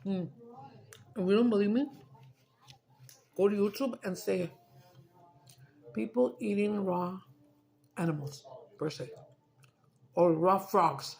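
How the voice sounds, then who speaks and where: A woman's voice: mid-range voice, slow pace, creaky, long pauses, a little mellow, a little hiss or hum. Chatty woman eating on camera. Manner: loose and chatty, swears, slips into Spanish. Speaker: mukbang streamer. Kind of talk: casual chat while eating.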